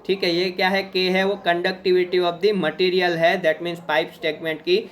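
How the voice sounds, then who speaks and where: A man's voice: sits high, level tone, measured pace, a bit bright, slight background noise. A man giving an exam-prep lecture with an Indian accent, mixing Hindi and English and answering his own questions.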